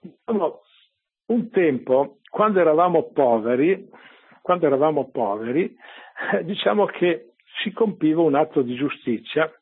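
A man's voice: fairly high pitch, animated, normal speed, husky. A man preaching on scripture in a conversational radio talk, often checking with his listeners by asking "no?" or "vero?". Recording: narrow phone-like radio sound.

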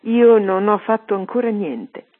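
A woman reading a story aloud on religious radio in a steady storytelling manner. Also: mid-range voice, unhurried. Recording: tinny phone-like radio line.

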